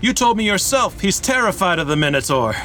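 A woman voicing a brave young male hero in an audio story, calm and earnest. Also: mid-range voice, fairly quick, over music, close to an everyday voice.

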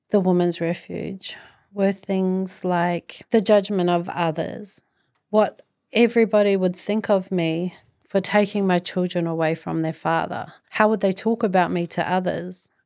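A woman's voice: fairly low pitch, a little mellow. A middle-aged woman with a New Zealand accent hosting a podcast, telling a personal story in an earnest, reflective way with emphatic phrasing. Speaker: podcast host.

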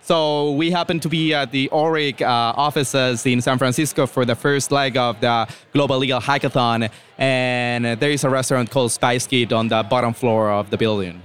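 A man from Ecuador, a product manager, giving measured interview answers with some hesitant fillers. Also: mid-range voice, fairly even intonation, fairly bright tone, smooth, faint music behind. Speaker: product manager, hackathon guest.

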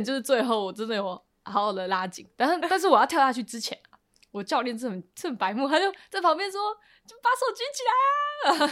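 Quick, animated woman telling a story. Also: fairly high pitch. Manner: animated, laughs often, acts out quoted lines. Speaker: podcast guest. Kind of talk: casual storytelling.

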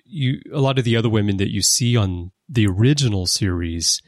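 Low-voiced man explaining at length. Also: brisk, dry recording, studio quality. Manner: explanatory storyteller, lively emphasis. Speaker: podcast host. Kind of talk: casual conversation about a TV series. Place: lives in Japan.

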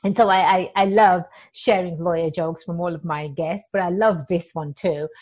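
A woman's voice: lowish voice, steady tone, moderate pace, a little mellow. A woman hosting a podcast interview in a bubbly, jokey manner. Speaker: podcast host and attorney.

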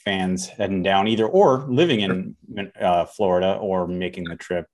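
Deep-voiced American man in casual chat. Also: moderate pace, darkish tone. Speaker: podcast co-host.

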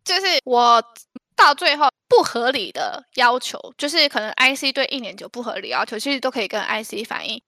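A young woman in casual chat, chatty and quick to react, sharing anecdotes with a laugh. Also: a little high, animated, pushed and bright, dry recording, clean studio sound.

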